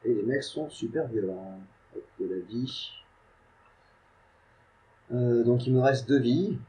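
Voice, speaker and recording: A man's voice: mid-range voice, slow, mellow. A man giving casual, self-mocking gameplay commentary from a home computer setup, chatting and muttering to himself as he plays. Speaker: gaming YouTuber.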